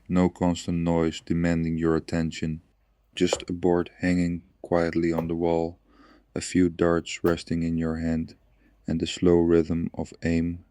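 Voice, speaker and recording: A man speaking softly and soothingly in a slow, gentle ASMR relaxation and storytelling style. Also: deep voice, dry recording. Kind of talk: soft-spoken ASMR guided relaxation and storytelling.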